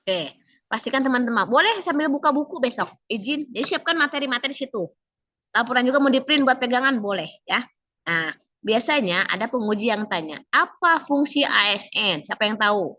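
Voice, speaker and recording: A slightly hoarse woman teaches an online class in a bright, forceful voice. She is chatty and quizzes her students by name. The sound is dry and muffled, as over a video call. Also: fairly high pitch, lively intonation, fairly quick, no room sound. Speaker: civil service training instructor.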